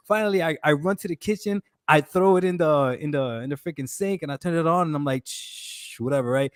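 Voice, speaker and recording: A man with a slightly high voice tells a story in casual chat, jumping up in pitch as he acts out what he said. His voice sounds close and dry, with no room around it. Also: fast talker, dry recording. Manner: animated, acts out his own quotes in a raised voice. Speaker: co-host telling a date story.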